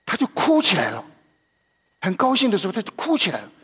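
A man's voice: sits high, wildly swooping pitch, quick pace, pushed and bright, breathy edge. A man preaching a sermon in a conversational way, often repeating himself and putting questions to his listeners.

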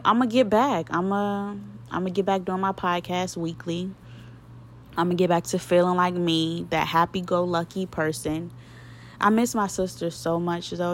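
A young woman in her twenties talks alone on her podcast, open and emotional, with slangy, looping phrasing. Her voice sits on the low side for a woman. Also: creaky, slight background noise. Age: 20s. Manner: candid and emotional, repeats phrases, heavy slang. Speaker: podcast host. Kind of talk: solo podcast monologue, casual venting.

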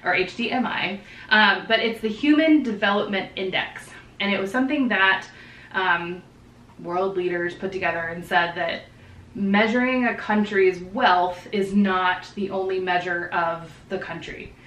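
A woman's voice: medium pitch, unhurried, fairly bright tone. Chatty woman podcast host, roomy sound. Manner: chatty, laughs easily, many fillers. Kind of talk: casual explanatory chat. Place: living room with dog present. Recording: roomy echo, distant mic, faint background.

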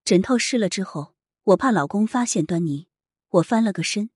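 A woman reads a first-person story aloud, slowly and softly, with emotion. Her voice is husky and breathy, and the recording is close and dry. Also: medium pitch, lively intonation, dry recording. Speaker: narrator.

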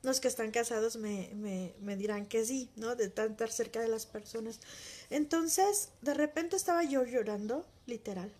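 Speaking at a moderate pace, a woman with a high, mellow voice gives a heartfelt testimony about her life. Her delivery is emotional and close, like confiding in one person.

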